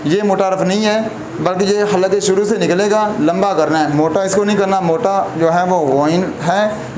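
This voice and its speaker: High-voiced man teaching in an echoey room. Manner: patient, repeats points, often checks with "theek hai". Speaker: Quran reading teacher. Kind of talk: whiteboard lesson on letter pronunciation. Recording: echoey room with background noise.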